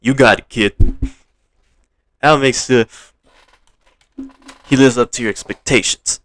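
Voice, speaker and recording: A man's voice: medium pitch, unhurried, fairly bright tone, lightly acted. A man playing a confident male boxing coach in a fan-told story, speaking in a brash, coaxing way.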